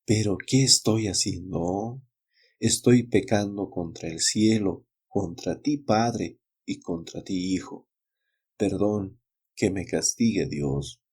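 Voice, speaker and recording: A man's voice: sits low, slow, darkish tone, slightly rough, exaggerated voice. A man voicing a greedy middle-aged son in a storybook reading, curt and commanding in his lines. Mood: remorseful.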